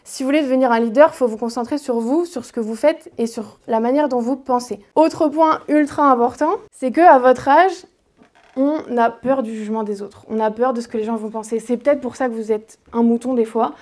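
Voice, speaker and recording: A young woman gives a talk to a student audience at a business school, speaking in a casual, direct way with plenty of fillers. Her voice sits a little high and sounds mellow rather than bright. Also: a little fast. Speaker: motivational speaker. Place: lecture hall at a business school.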